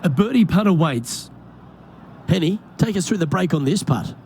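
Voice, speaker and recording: A man calling golf shots as play-by-play commentator, measured and handing over to his colleagues. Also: high-pitched, expressive, a little mellow, a little hiss or hum. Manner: measured, calls each shot and hands over to colleagues. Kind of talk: sports commentary.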